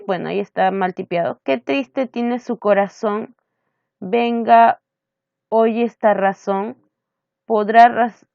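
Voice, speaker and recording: A woman's voice: medium pitch, no room sound. Woman teacher going over poems, drags out the syllables, dry dull recording. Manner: reads verses slowly, stressing syllables and rhymes; checks in with "¿no es cierto?". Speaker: literature teacher. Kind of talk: online class lecture.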